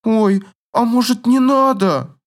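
A man's voice: high voice, moderate pace, pitched above the performer's own voice, lightly acted. A man voicing a proud, indignant young noblewoman in an audiobook, with huffing, squealing protests. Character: haughty proud young noblewoman, quick to huff.

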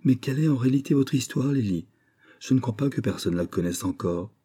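A man plays a kindly, anxious young woman, pitched higher than his own voice, with a husky and mellow tone. She sounds earnest and a little flustered, pleading gently in a storybook reading. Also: expressive, brisk.

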